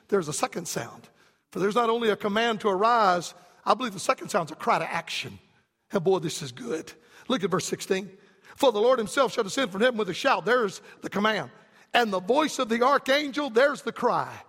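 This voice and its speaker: A man preaching a fiery revival sermon in an emphatic, rhythmic cadence that climbs to shouts. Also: very high voice, vocal fry, long reverb tail.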